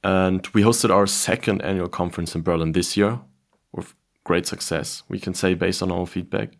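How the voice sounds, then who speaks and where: A man hosts an interview podcast and asks formal, scripted-sounding questions. His voice is deep and gravelly, with plenty of vocal fry. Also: steady tone, moderate pace. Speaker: podcast host.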